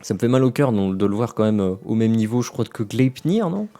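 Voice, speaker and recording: A man's voice: on the low side, sing-song, a little fast, warm tone, faint music behind. A man giving a casual, rambling spoken review of anime, talking straight to his viewers with lots of fillers and restarts. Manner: addresses viewers directly.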